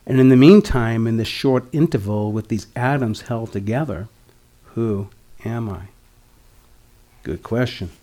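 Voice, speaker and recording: A man's voice: mid-range voice, a little slow, mellow. A man in his sixties giving a dharma talk as a meditation teacher, reflective, with wry, humorous asides. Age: 60s.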